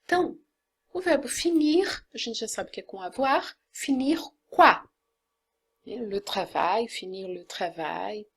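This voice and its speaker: A woman's voice: fairly high pitch, expressive, takes it slowly, breathy edge. A Brazilian woman teaching French grammar, explaining patiently step by step and often checking in with "né?". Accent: Brazilian Portuguese.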